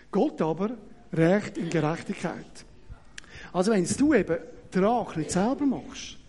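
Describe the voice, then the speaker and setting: High-voiced Swiss preacher, animated and joking. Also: male voice, slight background noise. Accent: Swiss German. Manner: animated, joking, often tags questions with "oder?". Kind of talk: lively sermon with audience demonstration.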